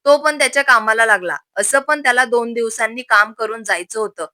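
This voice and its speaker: A woman narrating an audiobook love story in a steady, scripted storytelling manner. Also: a little high, brisk, no echo.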